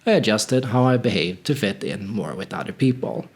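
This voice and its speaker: A man's voice: fairly low pitch, animated, normal speed, a little mellow. A man from northern Sweden, telling a personal story in a candid, reflective, conversational way. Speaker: channel host.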